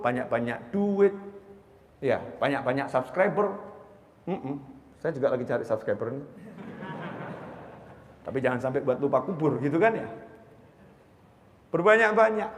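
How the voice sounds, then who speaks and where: A male preacher giving a sermon, asking rhetorical questions and swinging between loud emphasis and hushed asides. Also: mid-range voice. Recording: long hall reverb.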